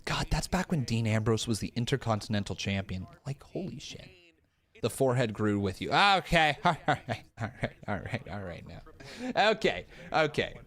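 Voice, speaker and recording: Animated thirty-year-old man streaming live. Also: medium pitch, normal speed. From Canada. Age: 30s. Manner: animated, talks straight to chat, swears, jokes at himself. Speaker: pro wrestling streamer. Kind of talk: casual live-stream watch-along chat. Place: room in his rented home.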